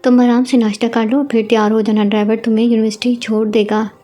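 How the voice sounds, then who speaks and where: A woman voicing a kind middle-aged mother-in-law who talks in a gentle, reassuring way. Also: a little high, little pitch movement, quick pace, faint music behind, close to an everyday voice. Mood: soothing.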